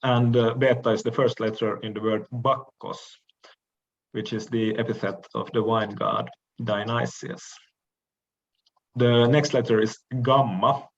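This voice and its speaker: A man delivering a recorded lecture in a slow, deliberate way, often stopping on hesitant fillers. His voice sits a little low, and the recording sounds dull and lo-fi. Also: a bit bright. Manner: measured, frequent "uh" pauses, occasional throat clearing.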